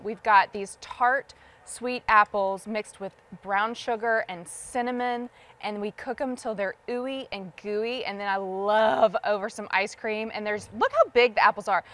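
A woman from the States, a guest on a TV shopping show, warmly listing ingredients and gushing over her family's food in a studio kitchen. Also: mid-range voice, measured pace. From Southern United States. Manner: enthusiastic, lists ingredients, gushes over the food.

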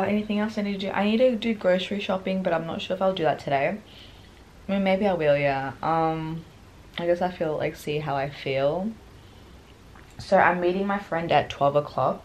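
Low, gravelly woman with morning voice. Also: slight background noise. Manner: rambling, chatty with many fillers. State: groggy morning voice. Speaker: vlogger. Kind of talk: casual vlog chat to camera.

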